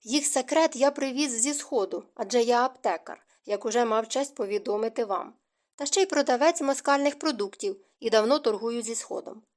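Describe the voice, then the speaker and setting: A woman's voice: a little high, moderate pace, darkish tone, close to an everyday voice. A woman voicing an insistent old apothecary. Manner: pushy, insistent, long-winded. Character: old bearded male apothecary and merchant, insistent. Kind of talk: audiobook character reading.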